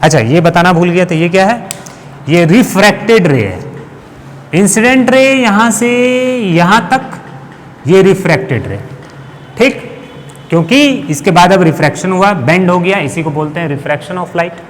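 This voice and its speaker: A man's voice: high-pitched, expressive, normal speed, big-room sound, a little hiss or hum. A man teaching a physics lesson to school students, explaining step by step and asking and answering his own questions, speaking. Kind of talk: classroom lecture.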